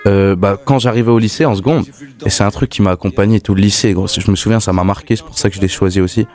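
A young rapper guesting on a radio show, talking casually in laid-back slang with hesitant fillers. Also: male voice, on the low side, steady tone, quick pace, a little mellow, faint music behind. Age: young adult. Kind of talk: casual interview chat. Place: radio studio.

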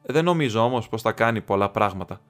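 A man's voice: fairly low pitch, lively intonation, a bit bright. Man reading aloud doing a scared desperate young hobbit guy, agitated, faint music behind. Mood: doubtful. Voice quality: agitated, crying out. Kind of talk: audiobook reading.

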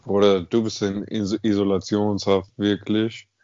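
A man's voice: lowish voice, little pitch movement, unhurried, dark tone, dry recording. Young man, emphatic casual storyteller, dry slightly muffled call audio. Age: young adult. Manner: slangy, emphatic, peppered with filler address words. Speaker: podcast co-host. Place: at home on an internet call.

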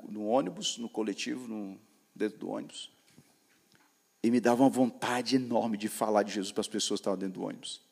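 A man with a Brazilian Portuguese accent preaching to young people, using repetitive call-and-response and swinging from loud declarations to soft storytelling. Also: lowish voice, gravelly. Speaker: preacher at a youth gathering. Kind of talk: sermon.

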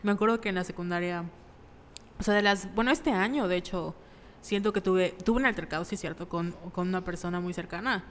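A woman with a Mexican accent chatting casually, telling animated stories and acting out the voices in them. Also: fairly low pitch, a little fast, long reverb tail, slight background noise. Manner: animated storyteller, acts out quotes, laughs often. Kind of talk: casual chat.

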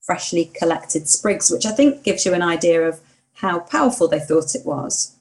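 A woman co-hosts a casual podcast chat in a fairly low, animated voice at normal speed, and the recording is rough. Earnest and warmly opinionated, she sometimes talks herself into mild indignation.

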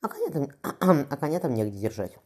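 A wry, sharp-tongued noble mother in her thirties teases her daughter fondly, as a woman reader puts her on. The voice is very low and mellow, and it moves along at a brisk clip. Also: very animated, breathy edge, full character voice. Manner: wry, dryly teasing.

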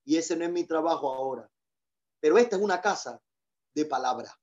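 A man's voice: a little high, expressive, brisk, a little mellow, dull audio. A male pastor preaching a sermon, leading call-and-response and repeating key phrases for emphasis.

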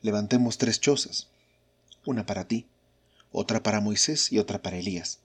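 Peter, an eager disciple, read by a husky-voiced man. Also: lowish voice, moderate pace. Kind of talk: scripture reading of spoken lines.

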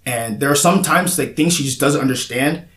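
A young man hosts a podcast, talking candidly and casually in a rambling style with frequent restarts and fillers. His mid-range voice has a fairly bright tone and moves at a moderate pace, recorded in a roomy, echoey space.

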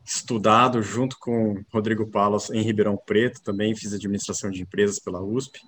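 A man, a company co-founder talking casually as an interview guest, relaxed and rambling with many fillers. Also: lowish voice, a little fast, slightly rough. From interior of São Paulo state, Brazil.

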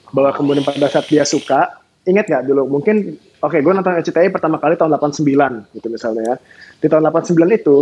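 A man's voice: fairly high pitch, warm tone, a little hiss or hum. A man, a producer guest on a podcast, explaining things in a lecturing way in casual chat. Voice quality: husky. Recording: dull lo-fi sound.

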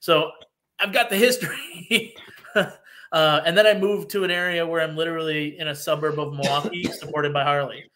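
A man from Wisconsin talks as a podcast guest. His voice sits a touch high, and he explains things earnestly and at length, often restarting his sentences. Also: steady tone, moderate pace, pushed and bright. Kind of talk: casual podcast chat.

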